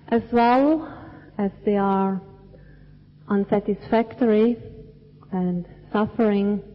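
A woman from Switzerland giving a Buddhist dharma talk in a cinema hall, speaking in slow, measured, deliberate phrases. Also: medium pitch. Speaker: Buddhist teacher. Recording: dull lo-fi recording with long hall reverb.

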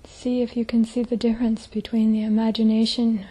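In a rough recording, a woman guides a meditation as its teacher. Her fairly high voice shows little pitch movement and stays soft, breathy, and hushed, with long pauses between phrases.

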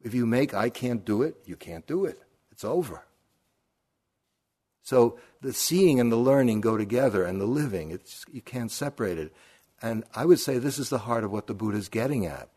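A man's voice: medium pitch, lively intonation, moderate pace, warm tone, husky. An older man, a meditation teacher giving a dharma talk at a retreat, telling stories conversationally and asking rhetorical questions.

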